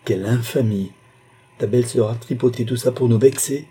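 A man's voice: on the low side, moderate pace, mellow, breathy edge. A man voicing a proud, indignant middle-aged wife who laments her lost standing in a storybook reading. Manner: lamenting and haughty.

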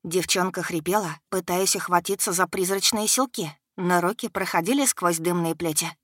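A woman reading a fantasy audiobook in a measured, even way. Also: lowish voice, no room sound, clean studio sound. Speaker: narrator.

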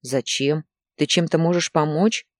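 A woman voicing a calm, tired young man who answers quietly in an audiobook story. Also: deep voice, a little slow, no room sound, studio quality. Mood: subdued.

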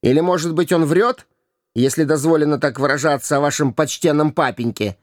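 A man's voice: on the high side, a little fast, dry recording, clean studio sound, pitched above the performer's own voice, natural voice. A man voicing a cunning, mocking vagabond boy in a storybook reading, jeering and wheedling. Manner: wheedling, jeering, pleading when begging.

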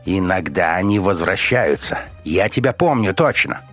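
A man's voice: low-pitched, animated, moderate pace, fairly bright tone, faint music behind, voice pushed up. A man voicing a cocky young male rapper who wisecracks in slangy talk in an audiobook. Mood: wisecracking. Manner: joking, slangy.

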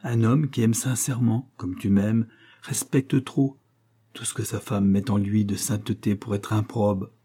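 Man reading as a solemn loving young wife, tender and moralizing, dark mellow tone, husky edge. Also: lowish voice, steady tone, unhurried. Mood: tender earnest. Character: earnest young wife writing a pleading letter.

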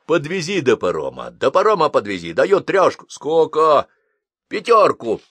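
A man's voice: on the high side, wildly swooping pitch, moderate pace, fairly bright tone, slightly rough, no room sound, voice pushed up, full character voice. A man voicing a pushy male bandit boss who haggles urgently.

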